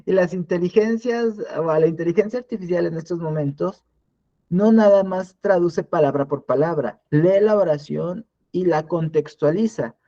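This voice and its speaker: Man, instructor, live online class, highish voice, restarts often, dull lo-fi audio. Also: normal speed, mellow. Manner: conversational, many restarts and repeated words.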